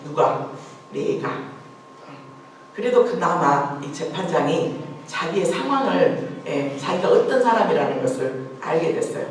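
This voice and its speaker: A woman's voice: deep voice, expressive, unhurried. A woman pastor delivers a sermon in a church, retelling a story with earnest emphasis and repeated rhetorical questions. Her voice sits in a heavily reverberant hall and is picked up from some distance, with a faint hiss in the background. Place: church sanctuary.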